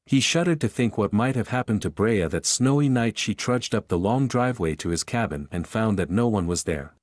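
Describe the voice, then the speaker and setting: A man narrating an audiobook romance in a steady storytelling delivery. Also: fairly low pitch, moderate pace, no echo, studio quality. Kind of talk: scripted narration.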